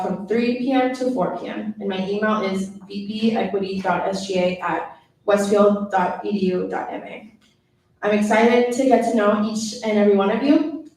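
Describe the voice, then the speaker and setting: A woman's voice: medium pitch, darkish tone. A woman in her twenties from Puerto Rico, giving an earnest prepared speech as a student government officer. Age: 20s. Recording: echoey hall, far mic.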